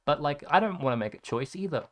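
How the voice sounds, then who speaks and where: A man's voice: fairly high pitch, expressive, quick pace. A young man telling a rambling, sarcastic story in a casual chat, swearing freely as he looks through his photos. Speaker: content creator.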